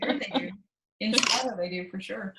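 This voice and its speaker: A woman's voice: medium pitch, brisk, noisy background. A woman chatting casually as co-host and contestant in a game, recorded in an echoey room. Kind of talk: casual chat.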